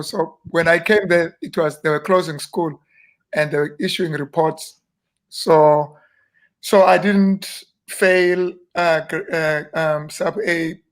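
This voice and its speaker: A South African man in his fifties, a minister, telling stories about growing up in a relaxed, self-deprecating way during an interview. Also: fairly high pitch, a little slow. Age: 50s. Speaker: guest minister. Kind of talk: casual interview reminiscing.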